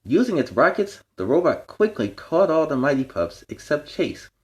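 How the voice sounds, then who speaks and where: A man's voice: a little high, sing-song, normal speed. A man playing a friendly young superhero who hosts a children's storytime, reading animatedly and explaining things in kid-friendly asides. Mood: earnest, animated. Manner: kid-friendly, explains words and gives advice.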